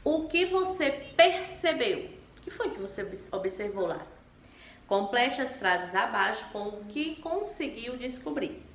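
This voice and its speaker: A woman teacher from Brazil explaining a textbook lesson to children slowly and patiently, often asking them questions. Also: medium pitch, expressive, fairly bright tone, roomy sound, slight background noise. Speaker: primary school teacher. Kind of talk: remote class lesson explanation.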